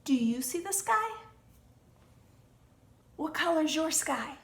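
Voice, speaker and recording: A woman's voice: high-pitched, lively intonation, slow pace, gravelly. A woman teaching a remote class for young children at home, in a sing-song, encouraging teacher manner. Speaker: preschool teacher. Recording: echoey room with faint noise.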